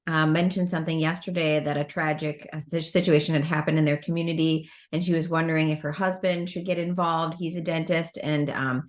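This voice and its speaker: A middle-aged American woman with a low-pitched voice hosts a chatty interview. She is from the Midwest and speaks in an informal, conversational way over a video call. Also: flat delivery, a little fast, hardly any pauses. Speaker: host. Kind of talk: casual interview chat. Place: indoor room at home or office.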